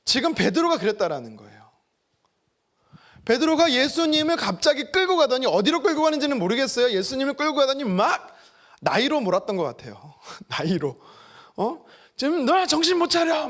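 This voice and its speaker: High-voiced male pastor preaching. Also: fairly quick. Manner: lively, acts out quoted voices, joking asides. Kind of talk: sermon. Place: church sanctuary.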